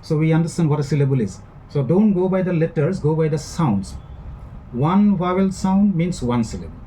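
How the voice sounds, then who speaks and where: Man, Indian English accent, lecturer, fairly high voice, mellow tone, faint background hiss. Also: expressive, moderate pace, rough recording. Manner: explanatory, repeats and rephrases points with frequent fillers. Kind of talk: recorded online lecture.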